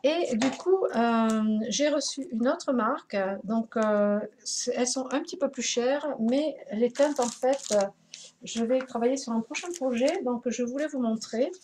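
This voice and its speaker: A woman's voice: fairly high pitch, a little slow, a little mellow, slight background noise. A woman hosting a craft live stream, chatting casually, greeting viewers by name with many hesitations.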